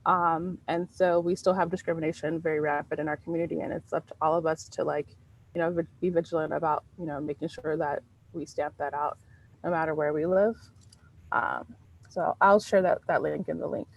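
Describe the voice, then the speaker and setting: A woman's voice: deep voice, steady tone, fairly quick, gravelly, a little hiss or hum, poor audio. A woman giving an informal presentation on fair housing over a video call, with many ums and restarts. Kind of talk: presentation at an online meeting.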